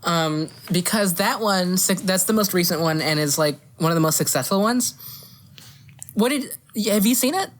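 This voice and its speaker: A woman with a lowish, expressive voice speaks at normal speed while co-hosting a podcast. She chats casually about movies, games and pop culture, opinionated and argumentative, swearing casually.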